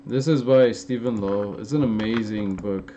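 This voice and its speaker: On a casual live-stream Q&A, a young man with a lowish voice speaks at normal speed, rambling through chat questions with many fillers and restarts. He comes from Los Angeles and has an American accent with Armenian influence. The stream audio is lo-fi, slightly dull, and faintly noisy.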